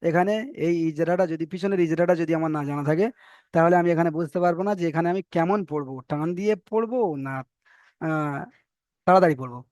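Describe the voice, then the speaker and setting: High-voiced man drilling Arabic syllables. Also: a little mellow, no room sound, studio quality. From Bengal. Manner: patient, repeats syllables slowly and drills them. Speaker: Quran reading teacher. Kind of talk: recorded online lesson, spelling out Arabic letters.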